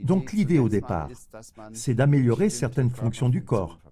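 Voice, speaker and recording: A man voicing an interview guest's answers in a measured, explanatory way. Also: medium pitch, very animated, dark tone, close to an everyday voice.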